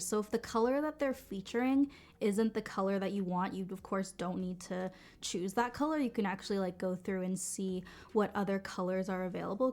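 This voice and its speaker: She's sick, so her voice comes out slightly deeper than normal as she hosts a casual live stream showing off keyboards from her basement studio at home. Talkative and rambling, she keeps restarting sentences and leaning on "um" and "like."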